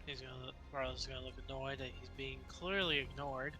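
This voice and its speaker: Man playing a tabletop game, clear music behind. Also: medium pitch, fairly even intonation, quick pace. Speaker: tabletop roleplaying game player. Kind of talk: casual game talk, describing his character's actions.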